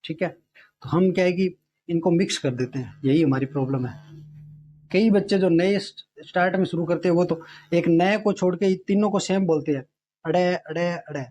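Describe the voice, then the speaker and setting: A man with a slightly raised voice teaching Hindi grammar for competitive exams. He explains each point step by step, slows down to sound out letters, and keeps checking in with his class. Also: sits high, mellow. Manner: repeats sounds slowly to demonstrate them. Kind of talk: exam-prep lesson.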